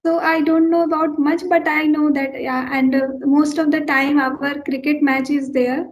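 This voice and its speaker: High-voiced young Indian woman student. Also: level tone, normal speed. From Uttar Pradesh, India. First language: Maithili. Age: young adult. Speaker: postgraduate student and channel host. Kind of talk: casual chat, English speaking practice.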